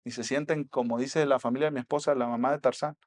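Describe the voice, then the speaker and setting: A man with a Mexican accent preaching a sermon as pastor, swinging between soft asides and loud exhortation. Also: mid-range voice, steady tone, fast talker.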